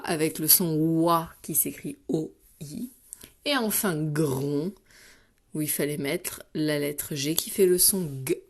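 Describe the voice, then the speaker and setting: A woman teacher giving a dictation lesson to young children, speaking clearly and patiently and addressing the child directly. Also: on the low side. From France. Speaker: primary school teacher.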